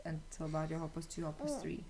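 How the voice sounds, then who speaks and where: As a guest in an interview, a young new mother chats casually about what she's been through, storytelling in a conversational way. She talks fast in a low, warm, expressive voice. Noisy room ambience is clearly audible in the recording.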